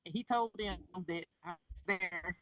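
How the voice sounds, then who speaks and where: Remote call voice cutting out, breaking up, bright tense tone, halting speech. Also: medium pitch, no echo, far from the mic, dull audio. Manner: halting, restarts often. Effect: call audio breaking up and cutting out. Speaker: interview guest. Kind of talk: personal account in a remote interview. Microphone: remote call connection.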